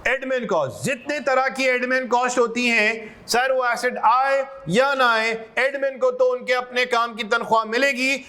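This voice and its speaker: An extremely high-pitched, sharp, clean voice belongs to a male accounting lecturer giving a classroom lecture. He mixes in English terms, quizzes the students as he proceeds, and makes jokes at their expense.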